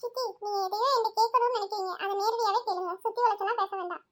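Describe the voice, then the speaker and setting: A woman's voice: very high voice, steady tone, very fast. A woman playing Sathya, a frank young student. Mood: defensive. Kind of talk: audio story voice acting.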